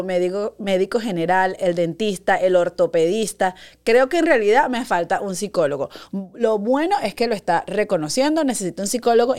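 A young adult woman, hosting a podcast as a chatty, animated storyteller. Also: mid-range voice. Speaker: podcast host. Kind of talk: casual monologue.

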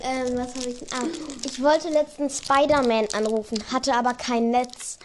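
A woman's voice: high voice, fairly even intonation, moderate pace, darkish tone. A young woman co-hosting a casual chat, telling bad jokes in a hesitant, apologetic, giggly way. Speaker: podcast co-host. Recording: slightly noisy amateur home recording.

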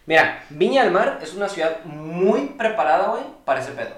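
A young man with a Mexican accent, telling a story as a guest in casual podcast chat, animated and full of slang. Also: high voice, a little fast, roomy sound. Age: young adult.

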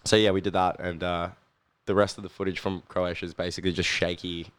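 Laid-back deep Australian young man. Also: little pitch movement, fast, a little hiss or hum. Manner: laid-back, rambling with fillers and swearing. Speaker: guest. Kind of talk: casual chat.

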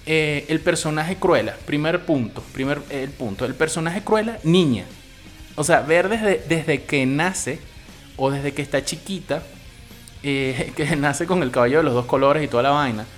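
A man with a Venezuelan Spanish accent giving a loose, opinionated film review, swearing casually as he talks. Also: medium pitch.

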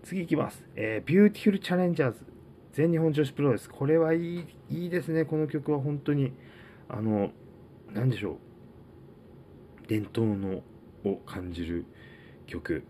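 A man hosting a casual solo talk, reading out items one by one and musing about each with many fillers and pauses. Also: a little high, expressive, mellow, a little hiss or hum. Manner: rambling, filler-heavy, reads out list items. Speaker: podcast host.

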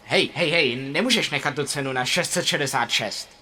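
A man's voice: on the high side, very animated, fairly bright tone. A man voicing a panicky, superstitious young boyfriend in frantic, pleading outbursts. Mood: alarmed.

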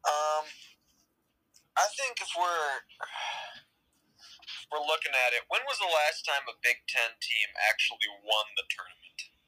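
A man's voice: fairly high pitch, sing-song, takes it slowly, pauses often, sharp tone, low-quality recording. A man co-hosting a sports podcast, giving blunt, opinionated takes in casual chat. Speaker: podcast co-host.

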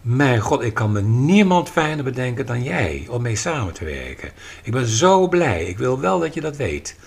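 A man's voice: medium pitch, very animated, normal speed, gravelly, slightly rough. A man talking on a podcast, explaining his views with emphasis and acting out little quoted dialogues. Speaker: podcast guest and writer. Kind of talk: conversational podcast talk.

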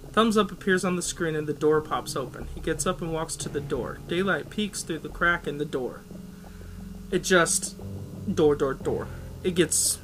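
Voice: mid-range voice, a bit bright, rough recording. A writer in a casual podcast chat who reads a story draft aloud and critiques it, laughing often and stopping to correct themselves. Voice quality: laughs often and self-interrupts while reading and critiquing. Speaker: writer giving editing feedback on a story.

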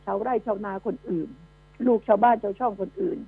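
A woman's voice: medium pitch, brisk, creaky. A woman hosting a radio news commentary show, scolding and emphatic, firing rhetorical questions at her listeners. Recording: narrow phone-like radio line with mains hum.

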